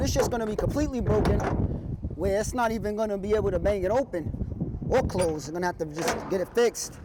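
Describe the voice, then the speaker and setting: High-voiced trucker with a slight lisp. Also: male voice, heavy background noise. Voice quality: slight slur and lisp from braces. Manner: easygoing, slangy, rambling. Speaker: truck driver vlogger. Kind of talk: casual chat. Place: truck cab.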